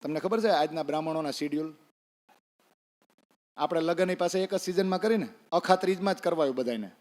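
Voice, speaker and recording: A man's voice: a little high, fast talker, a little mellow. A man tells a devotional story in a sermon. He acts out the characters' lines and asks the listeners questions. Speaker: preacher. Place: temple hall. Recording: long reverb in a temple hall.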